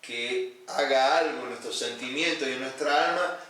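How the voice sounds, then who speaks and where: A man's voice: medium pitch, normal speed, a bit bright. A man, a pastor, teaching a Bible study in an earnest, explanatory way, repeating his key points. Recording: echoey room, distant mic, faint noise.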